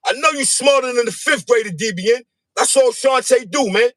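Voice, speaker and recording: High, bright-voiced man trash-talking. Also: fairly quick, dry recording. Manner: animated, chanting and sing-song taunts. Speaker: podcast guest. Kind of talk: casual livestream chat. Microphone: phone livestream.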